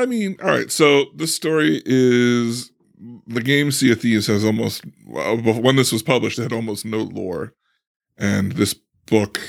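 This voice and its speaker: A young man co-hosting a book podcast, chatting casually with halting restarts and frequent laughs. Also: lowish voice, creaky. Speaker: podcast co-host. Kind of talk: casual chat.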